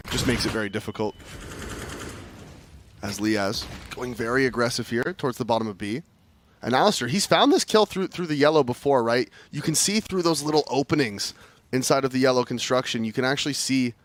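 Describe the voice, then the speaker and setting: A man working as an esports caster, explaining and calling live match action in short clipped phrases. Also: mid-range voice. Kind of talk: live esports analysis and play-by-play commentary.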